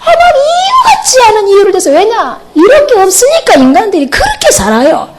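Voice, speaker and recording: A middle-aged pastor's wife gives a lively testimony sermon, laughing often and imitating other people's voices. She speaks briskly in an extremely high-pitched voice.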